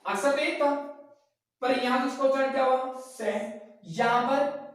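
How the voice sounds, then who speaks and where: A man with a very high, flat voice lectures a class at normal speed, asking questions himself, answering them, and restating each key point. The room is very echoey and the microphone sits far away.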